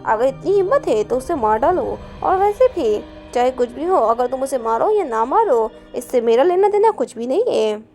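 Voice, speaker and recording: A woman reading the lines of a calm, detached young man in a storybook recap. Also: sits high, normal speed, few pauses, faint music behind. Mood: cool. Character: young man, cool and unbothered.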